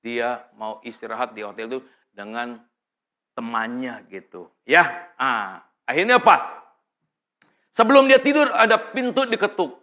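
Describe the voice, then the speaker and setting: A man's voice: medium pitch, a little slow. A man preaching a sermon as a pastor, telling a story and asking his listeners questions as he goes. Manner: animated storyteller, asks the congregation questions.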